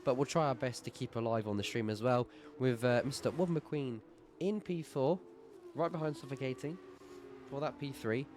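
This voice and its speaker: With a sore throat and a medium-pitched voice, a man calls a sim race live, brisk in his play-by-play and growing more excited at every overtake. There's slight background noise.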